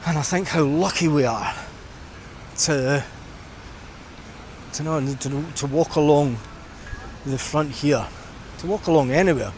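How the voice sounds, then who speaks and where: A middle-aged Scottish man records a noisy outdoor vlog while walking a busy seafront, chatting informally and reflectively. His voice is on the high side with a darkish tone, a little slow and marked by long pauses, amid traffic and street noise.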